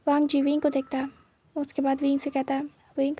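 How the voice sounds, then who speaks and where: A woman narrating a fan story in a steady, plain retelling manner. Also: high-pitched, a little fast.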